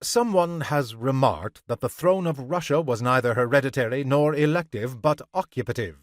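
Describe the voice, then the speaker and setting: A man reading a crime short story aloud in a measured, unhurried way for a podcast. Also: medium pitch, dry recording, clean studio sound. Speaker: podcast reader of short stories.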